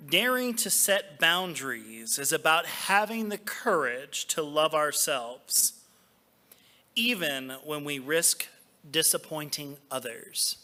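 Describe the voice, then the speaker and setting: This man's pitch runs on the high side, with an expressive, pushed, bright quality. He speaks as a spiritual practitioner inside a church sanctuary, delivering prayer and devotional readings in measured, paused phrasing.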